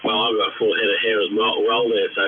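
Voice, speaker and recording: A man's voice: on the low side, flat delivery, quick pace. An Australian man chatting casually and swearing in a blokey way over a CB radio that sounds like mistuned ham radio. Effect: CB radio transmission. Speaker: radio operator. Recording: mistuned ham radio, narrow hissy signal.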